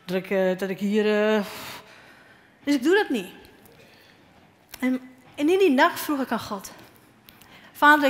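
A woman preaching a sermon, telling personal stories and acting out the dialogue, her voice a bit strained. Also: medium pitch. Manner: animated storytelling, acting out dialogue. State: slightly strained voice. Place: church hall. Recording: echoey hall with faint noise.

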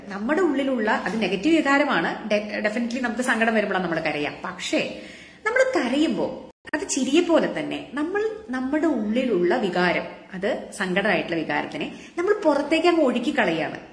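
A woman doctor speaks in a fairly bright voice on the high side, giving a relaxed live-stream health talk. She chats with viewers and poses rhetorical questions to them, and the audio is reverberant.

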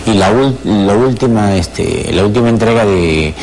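A man's voice: on the low side, lively intonation, moderate pace, vocal fry, a little mellow. A middle-aged man with a Peruvian Spanish accent, a former lawyer who is a guest in a TV studio interview and speaks hesitantly, with many fillers and repeated words. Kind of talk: television interview. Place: television studio.

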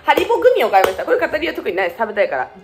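A young woman with a chats quickly through a shopping haul and jumps between playful tangents and jokes at her own expense. Her pitch swings up and down a lot as she talks. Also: huge pitch swings, over music. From Fukuoka, Japan. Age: 20s. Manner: joking, self-mocking, playful tangents. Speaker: beauty vlogger. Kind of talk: casual shopping haul vlog.

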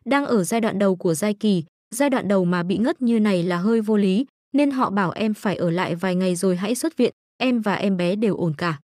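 A woman voicing a gentle older brother who reassures calmly. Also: mid-range voice, a little fast, few pauses, dry recording, studio quality, lightly acted. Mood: reassuring. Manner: calm and reassuring. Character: gentle caring older brother, young man.

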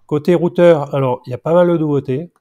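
A man in his forties with a nasal, stuffed-up voice from allergy, giving a casual, improvised screen-share tutorial in a hesitant, halting way. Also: on the high side, mellow, lo-fi sound. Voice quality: nasal, congested from a blocked nose. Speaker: vlogger showing his home solar setup.

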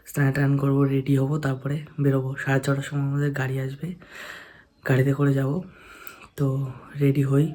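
A young man hosting a casual travel vlog, talking to his viewers about the day. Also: medium pitch. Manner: hushed and soft-spoken early on, so as not to wake his father; excited and loud outdoors with friends. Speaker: vlogger.

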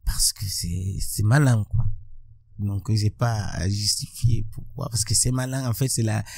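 In a bright, plant-filled room with large windows, a Burkina Faso musician gives reflective interview talk, thoughtful and halting with frequent restarts. His gravelly voice is fairly low, steady and a little mellow, captured dry and clean on a boom-arm studio mic.

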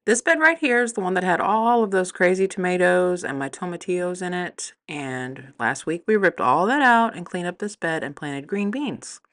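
A woman's voice: fairly low pitch, animated, moderate pace, hardly any pauses, fairly bright tone. A woman vlogger chatting upbeat through a tour of her backyard garden, recorded outdoors on a handheld phone. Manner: chatty and upbeat, with some fillers. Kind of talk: casual garden tour narration.

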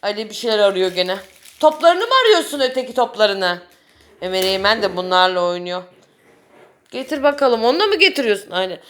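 A woman's voice: high-pitched, a bit bright. A young mother talking to her small children in a casual family vlog, coaxing and cooing at them.

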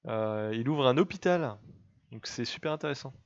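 A man's voice: mid-range voice, animated, moderate pace, dull audio. Chatty young man narrating his gameplay. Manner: chatty, teasing his game pet, laughs often. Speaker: let's play gamer. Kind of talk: casual gameplay commentary.

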